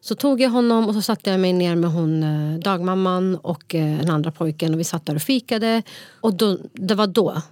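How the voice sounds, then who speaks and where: A woman co-hosting a podcast in a relaxed, chatty way, with a somewhat low voice and many small fillers. She slips English phrases into her storytelling. The sound is dry and close, with no room echo. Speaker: podcast co-host. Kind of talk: casual conversation.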